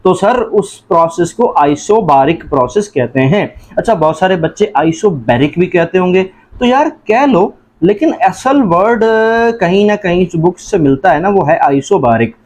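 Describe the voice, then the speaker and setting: Male test-prep tutor, Pakistani Urdu accent, high-pitched, question-and-answer drilling style. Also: lively intonation, moderate pace, few pauses, darkish tone. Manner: addresses listeners as janab. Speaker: teacher. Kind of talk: entry-test lesson.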